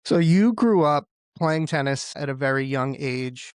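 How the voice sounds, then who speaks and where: A man's voice: on the high side, animated, unhurried, dry recording. A male podcast host greets and questions his guest in a friendly, loose way, often leaning on "you know". The sound is dry and close, with no room around him. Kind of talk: interview hosting.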